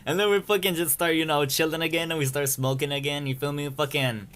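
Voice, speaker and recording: A man's voice: on the high side, fairly even intonation, quick pace, fairly bright tone, clean tone. A young man telling a rambling story-time anecdote in casual, profane slang. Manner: rambling, slangy and profane, keeps saying "you feel me". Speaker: storyteller vlogger.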